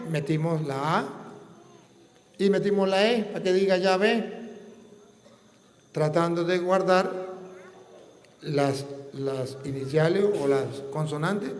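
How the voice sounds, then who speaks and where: Male preacher, high-pitched, unhurried teaching delivery, reverberant hall. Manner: slow, didactic, asks and answers his own questions. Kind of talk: preaching Q&A talk.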